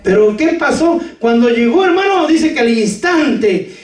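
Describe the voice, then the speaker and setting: A man preaching a lively sermon to his congregation with jokes, sudden shouts and talk of brothers. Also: extremely high pitch, unhurried. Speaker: pastor. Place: church hall. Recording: echoey church hall from far off.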